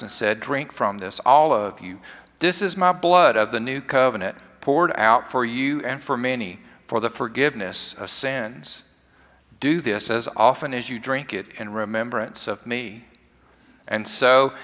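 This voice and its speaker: A pastor leading a communion liturgy in a measured cadence, his voice echoing through a large worship hall like a cathedral. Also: mid-range voice, bright, forceful tone. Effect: cathedral-like echo. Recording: long reverberant hall echo.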